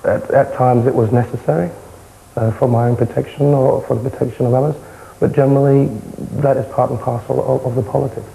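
Creaky, dark-voiced young South London man. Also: medium pitch, level tone, brisk, a little hiss or hum, rough recording. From South London, England. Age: young adult. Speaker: interviewee, former far-right insider. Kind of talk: candid television interview. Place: indoor television interview, close camera.

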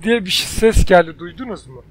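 A man from Turkey doing joking, excitable let's play commentary, yelling and swearing at the enemies on screen. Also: high-pitched, a little fast. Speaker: gaming channel host.

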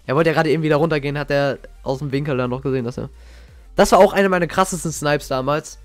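A young man talks over old gaming clips in an excitable, slang-heavy way, looking back fondly. His voice sits a little higher than most men's. Faint game music plays quietly behind him. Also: fast talker, no room sound. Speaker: gaming YouTuber. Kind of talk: casual reaction commentary.

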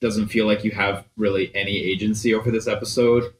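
A man's voice: lowish voice, flat delivery, brisk. A young man co-hosting a let's play, chatting about the game in a laid-back way and thinking aloud as he talks. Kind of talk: casual gameplay commentary. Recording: roomy echoey mic.

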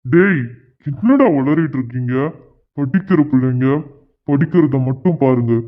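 A man's voice: medium pitch, expressive, a little slow, close to an everyday voice. A man voicing a scheming young groom who dismisses and threatens a group of schoolboys, in a cartoon. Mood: threatening. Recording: tinny phone-like audio.

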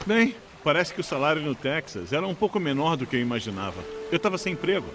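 Commanding Brazilian film rescuer, animated high voice. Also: male voice, fast talker, noisy background. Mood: grave. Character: commanding, determined male scientist turned boat rescuer. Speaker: dubbing actor. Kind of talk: dubbed action film dialogue.

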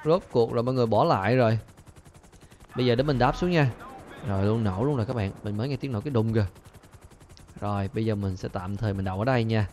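A man hosting a gaming channel, chattering excitedly to viewers as he plays and repeating his phrases, with faint game gunfire behind him. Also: on the low side, quick pace, pauses often, a little hiss or hum. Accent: Vietnamese. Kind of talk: excited gameplay commentary.

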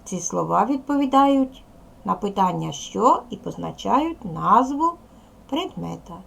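A woman's voice: mid-range voice, big pitch swings, a little slow, creaky, husky. A woman teaching a recorded primary school lesson, patiently asking questions and answering them herself. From Ukraine.

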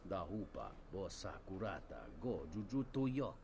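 A man's voice: deep voice, very animated, moderate pace, exaggerated voice. An actor playing an argumentative alien townsman in a video game, speaking an invented tongue emphatically. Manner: emphatic gibberish speech. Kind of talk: video game creature dialogue. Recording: clear background game noise.

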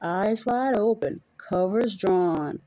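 In a small, dim bedroom at home, a woman reads a picture book to her young child in a playful, sing-song way and chats with the little one as she goes. Her pitch is medium, her pace slow and her tone warm. There's no room sound, and the audio quality is poor.

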